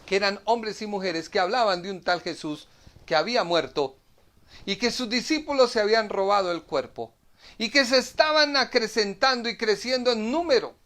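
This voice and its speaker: A man's voice: sits high, fairly bright tone. A man teaching a Bible study in a preaching style. He speaks emphatically, repeats phrases and asks rhetorical questions.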